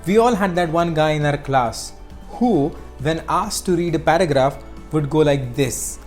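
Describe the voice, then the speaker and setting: A teacher giving scripted narration on speaking skills, explaining clearly and acting out short examples. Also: mid-range voice, measured pace, darkish tone, soft background music.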